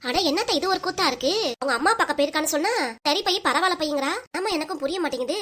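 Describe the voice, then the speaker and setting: A woman voicing the bickering family members of a cartoon, with a southern Tamil Nadu accent and a sharp, rapid-fire manner. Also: high voice. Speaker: cartoon voice performer. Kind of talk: quarrelsome family cartoon dialogue.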